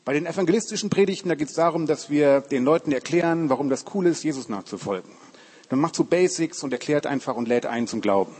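A man's voice: on the high side, lively intonation, quick pace, darkish tone, husky. A man, a Bible college lecturer, giving a casual, joking sermon to a youth group. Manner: chatty, informal, joking, says "cool" often.

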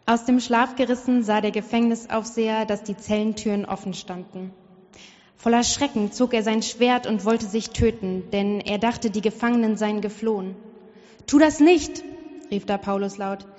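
A woman reading a scripture passage aloud in a steady, clear way during a service. Her voice rings with a long hall reverb, and the recording sounds slightly dull. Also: fairly high pitch, normal speed. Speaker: scripture reader.

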